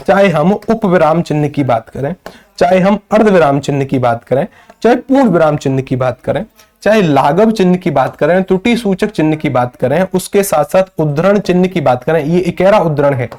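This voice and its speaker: A man's voice: sits high, darkish tone. A man from northern India teaching a live online grammar class, answering his own questions and greeting viewers by name.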